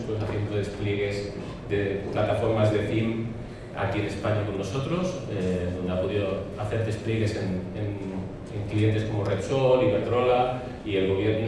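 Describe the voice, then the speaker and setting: A man with an accent from Spain moderating a panel, introducing speakers and asking questions, hesitating as he searches for words. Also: fairly low pitch. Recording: very echoey hall, distant, noisy.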